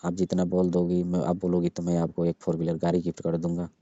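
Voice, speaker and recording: A young man with a low, very mellow voice pleads insistently during a casual phone call, sounding like an emotional, jilted lover. His delivery is completely flat and quick. The call recording is dull, lo-fi, and dry.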